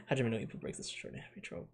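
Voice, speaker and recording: A man with an American accent, raised in the Philippines, talks briskly as he casually ranks anime, rambling with lots of fillers and self-corrections. He laughs often, and there's slight background noise.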